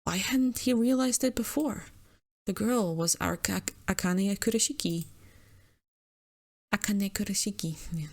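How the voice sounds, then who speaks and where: Young woman, game host, reads visual novel aloud, casual, giggly, stumbles on words, middle pitch. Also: measured pace, creaky, darkish tone. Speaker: gaming channel host.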